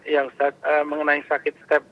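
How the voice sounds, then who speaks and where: A man's voice: on the high side, completely flat delivery, a little fast. A man phoning in, asking questions in a respectful, hesitant way. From Jakarta. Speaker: caller, a father asking advice. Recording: dull phone line, faint noise.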